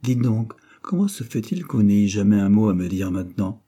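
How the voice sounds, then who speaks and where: A young working man who coaxes and pleads with the woman he wants to marry, as a male narrator plays him. His voice is low, dark and husky. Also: sing-song, fairly quick. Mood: coaxing.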